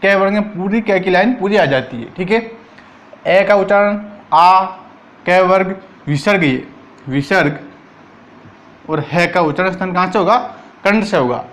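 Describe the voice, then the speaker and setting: A man's voice: high voice, a bit bright. A man teaching an exam-prep Hindi grammar lesson, asking each point as a question and answering it himself, drawing out the sounds as he recites them. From Rajasthan, India. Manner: drawn-out syllables while reciting sounds.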